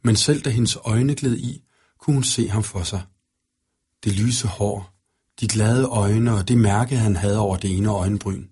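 A man narrating a fairy-tale audiobook in a steady storytelling manner. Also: fairly low pitch, husky.

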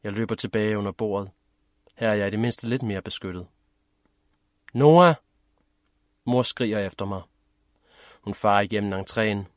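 A man narrating a first-person story in a measured, steady reading. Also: fairly low pitch, no room sound, clean studio sound. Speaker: audiobook narrator.

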